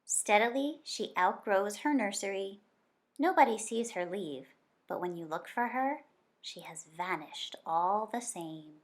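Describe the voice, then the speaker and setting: Expressive and deliberate, a woman reads a nonfiction picture book for kids as a teacher might at storytime. Her voice sits in the mid range.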